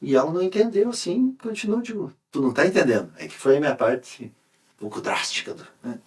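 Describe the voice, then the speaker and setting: Male coach, fairly high and husky, chatty anecdotal delivery. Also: fairly quick. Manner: animated, anecdotal storytelling with many restarts. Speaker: sports coach, podcast guest. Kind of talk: casual podcast conversation.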